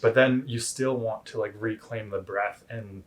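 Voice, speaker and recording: A man giving casual, instructional explanations as a coach, in a halting, hedging way. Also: fairly low pitch, fairly even intonation. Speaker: cold plunge coach.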